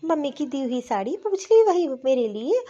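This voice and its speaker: A woman's voice: sits high, very animated, moderate pace, dark tone, dull audio. Woman voicing a sweet young sister-in-law. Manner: sweet, complimenting. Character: friendly young college-going sister-in-law.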